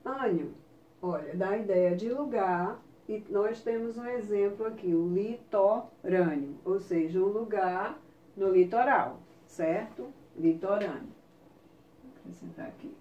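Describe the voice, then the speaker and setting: A woman's voice: mid-range voice, far from the mic, dull audio. A woman teacher with a Brazilian Portuguese accent, patiently explaining a lesson and checking in with her class often. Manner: slow, patient explaining with frequent check-ins. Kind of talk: recorded online class lesson. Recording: roomy, off-mic with faint ambience.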